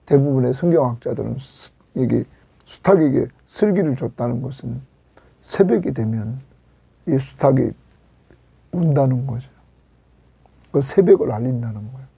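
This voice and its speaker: A male pastor preaching a sermon in a gravelly, husky voice with a dark, mellow tone. His pitch leaps up on questions and falls to a breathy near whisper at the ends of phrases. The sound is dry and close. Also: expressive, normal speed, pauses often, no room sound. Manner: emphatic, rises sharply on questions and drops to a near whisper at line ends. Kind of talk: expository sermon.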